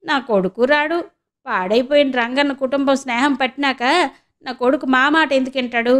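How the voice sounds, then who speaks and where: Lady narrator doing sad bitter village mom, middle-aged, wailing and blaming, pitched up a bit. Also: normal speed, a bit bright. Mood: grieving. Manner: lamenting, reproachful, rustic village speech.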